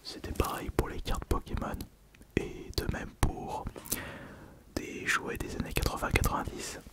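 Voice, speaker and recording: A man whispering an intimate ASMR monologue, very close, as if right in the listener's ear. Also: measured pace. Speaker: ASMR video host.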